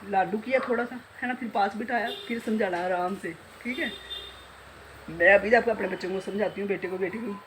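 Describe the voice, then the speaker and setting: A woman's voice: medium pitch, brisk, a bit bright, a little hiss or hum, poor audio. A middle-aged woman chatting casually in a home vlog, talkative and self-mocking, often breaking into laughter. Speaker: vlogger, beauty salon owner.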